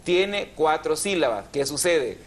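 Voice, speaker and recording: A man's voice: a little high, very animated, a little slow. A man hosting a TV language program, explaining grammar patiently and drawing out syllables. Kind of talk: didactic TV chat.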